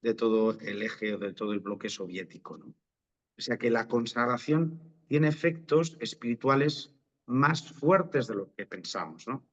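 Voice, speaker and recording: A man's voice: mid-range voice, unhurried, highs cut off. A priest, a man with an accent from Spain, giving an informal, explanatory religious talk and often checking in with short question tags.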